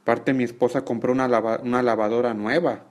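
A man's voice: medium pitch, flat delivery, fast, darkish tone, lightly acted. A man voicing a whiny rich young man who refuses to give up his possessions, in a pleading, sarcastic manner. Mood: whining.

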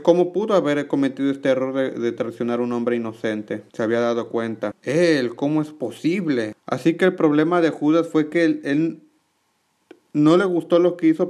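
A man relaying a preacher's teaching in an earnest, measured way, with small slips and restarts. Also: fairly high pitch, darkish tone. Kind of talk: religious teaching narration.

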